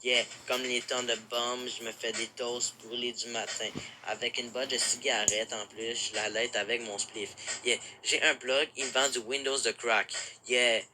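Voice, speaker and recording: A man's voice: mid-range voice, unhurried, background noise. A young man with a Québécois French accent, rapping angrily over a beat with a lot of swearing. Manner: flat, angry, profane delivery. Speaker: rapper. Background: loud music beat.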